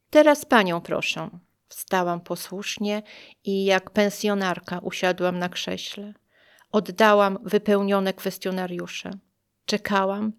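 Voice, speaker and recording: A woman reading her own first-person story aloud in a measured, reflective way. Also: medium pitch, gravelly, clear, resonant tone.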